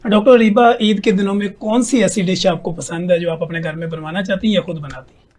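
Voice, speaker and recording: A man's voice: high-pitched, fairly even intonation, darkish tone. A man hosting a casual interview, asking questions and adding short agreeing remarks. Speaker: interview host.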